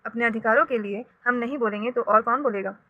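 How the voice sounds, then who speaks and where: A woman voicing a clever, outspoken young girl in a read-aloud storybook, speaking firmly and loudly. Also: a little high, fast talker, narrow, tinny audio, natural voice.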